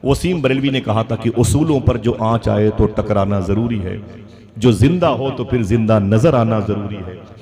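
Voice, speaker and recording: A man, preaching an emotional religious sermon at a gathering and putting questions to his listeners. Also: mid-range voice. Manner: swings from loud exclamations to hushed storytelling; asks the audience questions. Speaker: Islamic preacher. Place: outdoor public religious gathering. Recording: crowd noise from a public gathering. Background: crowd audible.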